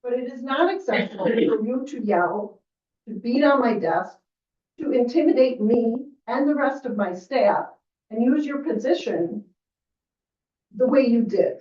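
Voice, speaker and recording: A woman's voice: fairly high pitch, animated, a little slow, darkish tone, recorded from a distance. A woman on the village staff speaking firmly and earnestly at a public board meeting. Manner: earnest, firm, upset. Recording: roomy, off-mic, dull meeting audio.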